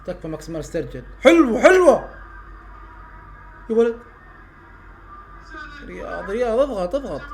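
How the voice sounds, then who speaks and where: A young man giving a live football reaction, muttering between plays and bursting into loud shouts at chances. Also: high-pitched, sing-song, normal speed, gravelly, long pauses. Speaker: YouTube streamer reacting to a football match.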